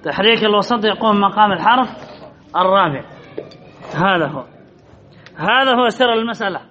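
A man with a high, expressive, bright and forceful voice teaches Arabic grammar from a classical text at a brisk pace, reading passages aloud, quizzing his students and repeating their answers. The recording is slightly dull with faint background noise.

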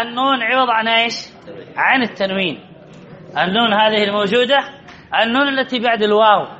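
A man's voice: extremely high pitch, sharp tone. A man teaching a grammar lesson to a class, drilling points over and over and calling on students by name with teasing remarks. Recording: dull lo-fi recording.

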